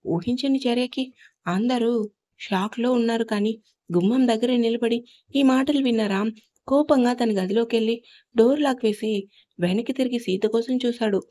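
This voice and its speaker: A woman storyteller giving a steady scripted narration of an audio story. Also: fairly high pitch, moderate pace.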